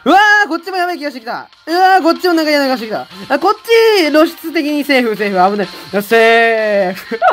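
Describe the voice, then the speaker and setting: A woman streaming a game in casual commentary, loud and laughing a lot, with rough boyish talk. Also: high-pitched.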